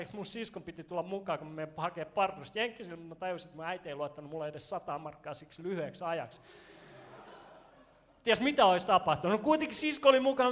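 A man preaching a sermon, telling a personal story in a casual, joking way and talking straight to the congregation. His voice rises and gets loud when he gets excited. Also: sits high. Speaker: pastor. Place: church stage before a congregation.

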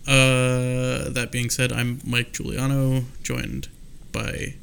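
A man hosting a casual podcast chat, relaxed and wry with dry jokes. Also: mid-range voice, slow, vocal fry, slight background noise. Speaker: podcast host.

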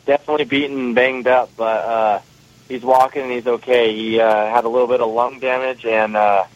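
A man's voice: medium pitch, flat delivery, a little fast. Man calling in over the phone. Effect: heard over a phone line. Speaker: off-road racer calling in as guest. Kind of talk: phone-in interview.

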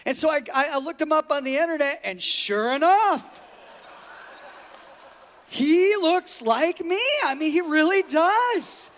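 A man's voice: very high-pitched, a bit bright. A middle-aged man preaching a sermon as a pastor, telling a story and acting out the voices in it. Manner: storytelling, acts out voices in anecdotes. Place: church sanctuary. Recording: long hall reverb.

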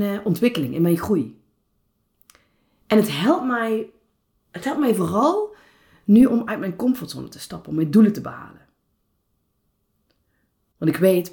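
Speaking in a fairly low voice, this personal coach runs her podcast alone, sounding calm and reflective, hesitating now and then.

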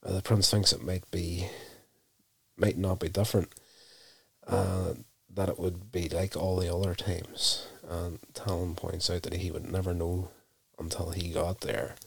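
A man casually recapping a TV episode, telling it in an unhurried, self-correcting way. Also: sits low, little pitch movement, gravelly, husky.

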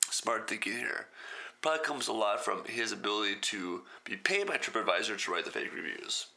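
Very bright-voiced wry male commentator. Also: fairly low pitch, very animated, a little fast, vocal fry. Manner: wry, sarcastic asides. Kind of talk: reading a story aloud with commentary.

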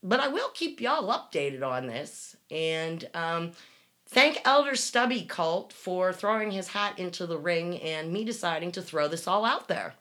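A woman's voice: on the low side, animated, unhurried, sharp tone. A woman hosting a casual true crime podcast, talking in an emphatic, rambling way. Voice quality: smoker's cough. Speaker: true crime show host.

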